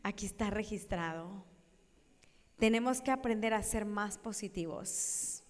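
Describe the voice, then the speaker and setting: A woman giving a lively sermon talk, acting out voices and asking her audience questions. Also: medium pitch, a little slow. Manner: animated, acts out quoted voices, questions the audience. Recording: echoey hall.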